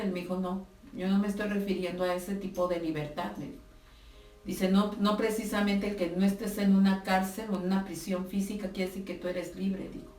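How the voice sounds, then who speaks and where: A woman's voice: mid-range voice, mellow. A woman giving a testimony and preaching at a prayer gathering, retelling conversations and urging her listeners. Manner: tells her story with quoted dialogue, exhorting, tag questions. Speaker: speaker at a women's prayer camp. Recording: roomy hall, distant mic, faint music.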